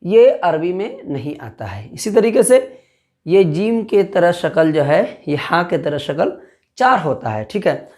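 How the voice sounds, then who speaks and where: Slow, patient man teaching the alphabet. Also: high-pitched, big pitch swings, a little mellow. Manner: recites letter names one by one and quizzes the viewer; patient, repeats points and checks understanding. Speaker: Urdu teacher. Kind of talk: online alphabet lesson.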